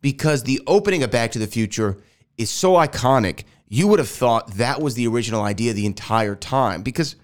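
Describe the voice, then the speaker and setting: A Houston, Texas man hosts a casual solo podcast from an air-conditioned house, rambling and correcting himself as he goes. His medium-pitched voice is brisk with lively intonation, and nasal because he's recovering from a sinus infection.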